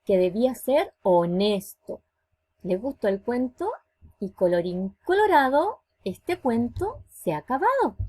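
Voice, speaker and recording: A woman teacher with a Chilean accent coaxes small children through a lesson. Her voice is high and it rises and falls a lot. It has a slightly husky edge. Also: a little slow. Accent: Chilean Spanish. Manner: animated, coaxing, asks the children questions. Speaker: schoolteacher. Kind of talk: virtual class for young children.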